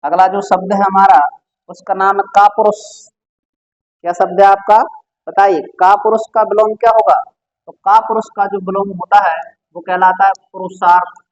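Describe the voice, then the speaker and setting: Guy with a high voice running an exam prep word lesson, keeps asking and answering himself, sound kinda dull and muffled. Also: flat delivery, moderate pace. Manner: quizzing the listener with repeated questions. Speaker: teacher.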